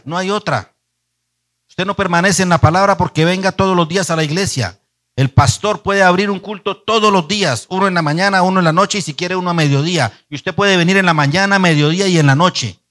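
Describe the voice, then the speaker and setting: A pastor with a somewhat high-pitched voice preaching a sermon. He tells his own story earnestly, pressing hard on key lines and dropping to a hush in between. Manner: earnest storytelling, swinging between emphatic and hushed.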